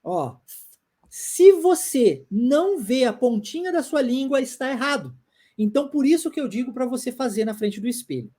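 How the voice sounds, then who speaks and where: Woman, Brazilian Portuguese accent, teacher, mellow tone, animated pitch, repeats examples, checks in with viewers. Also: normal speed. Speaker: English teacher. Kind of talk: live online pronunciation lesson.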